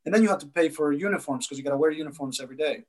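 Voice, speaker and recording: A man from El Salvador speaking thoughtfully in a panel discussion, pausing to search for words. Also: on the high side.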